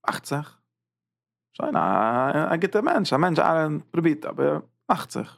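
Man, religious teacher, gravelly voice, fairly high pitch, animated, repeats phrases for emphasis. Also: a little slow. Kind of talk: informal text lecture.

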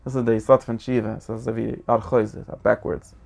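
A man teaching a lecture on a religious text, talking in halting phrases that he often repeats and restarts. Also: mid-range voice, level tone, vocal fry, darkish tone.

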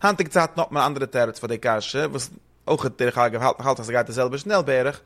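A man's voice: mid-range voice, a bit bright. A man explaining a religious text in casual study talk, rambling and slipping between languages. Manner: rambling, fast, mixes German with Hebrew and English terms.

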